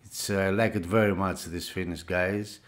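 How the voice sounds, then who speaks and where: A fairly low-voiced man reviews audio gear for a magazine, talking through a hands-on demonstration without a script. English is not his first language, so he speaks haltingly, with frequent hesitations as he searches for words. His intonation stays fairly even.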